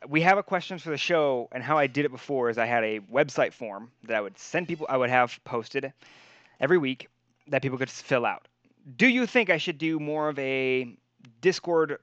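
A man's voice: mid-range voice, expressive, normal speed, a bit bright, dry recording, muffled recording. A man hosting a podcast in casual chat, rambling, laughing and swearing casually. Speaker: podcast host.

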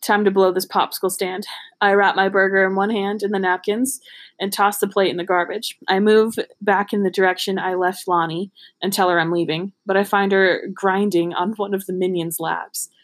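At normal speed and in a level, mid-range voice, a podcast host reads from a novel. She's casual and amateurish about it, laughing and pausing to crack jokes and offer commentary.

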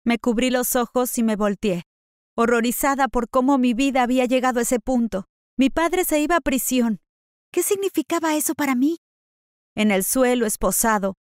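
A woman's voice: fairly high pitch, darkish tone, clean tone, dry recording, studio quality. A woman reading a first-person story aloud in a scripted, dramatic storytelling manner. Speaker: narrator.

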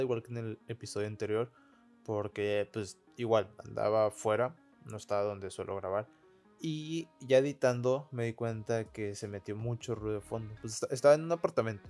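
A somewhat low male voice, a little fast and reverberant, comes from a twenty-something podcast host from Sinaloa with a Mexican Spanish accent. His casual show is relaxed and chatty, packed with fillers like "pues," over faint music and some outside noise.

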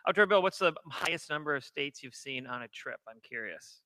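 A man co-hosting a casual chat, playful and quick with a joke. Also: mid-range voice, lively intonation, pushed and bright, no echo, low-quality recording. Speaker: co-host. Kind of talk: casual joking banter.

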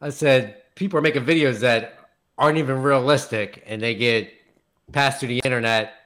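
A man's voice: mid-range voice, moderate pace, a bit bright. A man co-hosting a podcast in casual chat, laughing often as he jokes. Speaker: podcast co-host.

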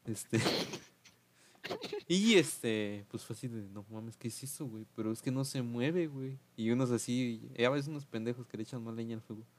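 A man's voice: mid-range voice, moderate pace, a little hiss or hum. A young man with a Mexican Spanish accent, hosting a podcast and telling a story in slangy casual chat, acting out quotes in raised voices.

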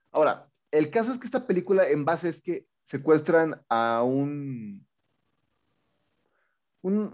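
Higher-voiced Mexican man ranting casually. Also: a little mellow. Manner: slangy, incredulous ranting. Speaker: co-host of a movie review show. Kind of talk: casual humorous chat, film review.

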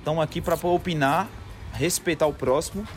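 With music behind him, a male podcast host with a Brazilian accent chats and signs off in a casual, slangy way, dropping in slang tags. His voice is on the high side, at a moderate pace.

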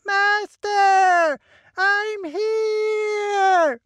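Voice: steady tone, drawn-out words, fairly bright tone, no echo, heavily acted. Carlinus, a narrator doing a whiny servant. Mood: calling out. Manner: high, strained calling out. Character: whiny tiny male servant calling from afar.

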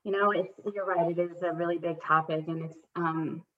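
A woman coach with a lowish voice and fairly even intonation speaks at normal speed as a podcast guest, earnest and reflective, with lots of fillers and restarts. The recording is dull and lo-fi.

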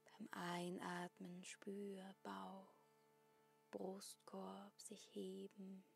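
A woman guiding a breathing meditation in a soft, breathy, half-whispered spa voice, giving calm instructions with long pauses. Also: mid-range voice, soft background music.

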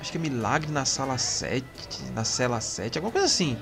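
A Brazilian man in casual podcast chat, rambling in a relaxed, slangy way. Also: medium pitch, fairly quick, gravelly, over music. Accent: Brazilian Portuguese.

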